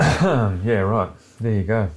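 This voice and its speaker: Deep-voiced sardonic man. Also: takes it slowly. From Britain. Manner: sardonic, swears freely. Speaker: podcast co-host. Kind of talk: casual chat.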